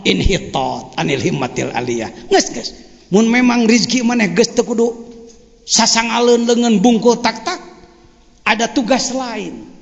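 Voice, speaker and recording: An older man with a Sundanese accent, teaching a religious lecture in an animated, joking way. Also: high-pitched, creaky. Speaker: Islamic teacher. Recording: dull lo-fi sound with long hall reverb.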